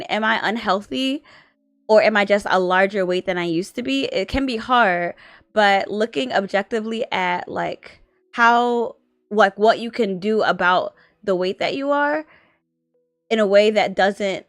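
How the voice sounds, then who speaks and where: A woman in her twenties, a guest on her husband's art stream, chats casually, rambling and full of filler words, sometimes sleepy and yawning. Her voice is mid-range, and the sound is clean studio quality with no echo.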